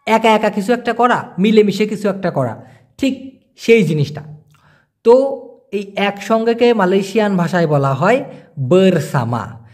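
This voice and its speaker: A young man with a high, light voice gives a casual language lesson. He explains each word patiently and repeats it slowly, checking in with his listener as he goes. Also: animated, darkish tone. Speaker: language teacher.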